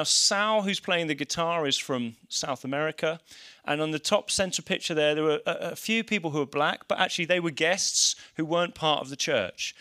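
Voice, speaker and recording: Bright, higher-voiced English man leading a seminar. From English Midlands. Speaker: church leader presenting a seminar. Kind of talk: informal seminar presentation.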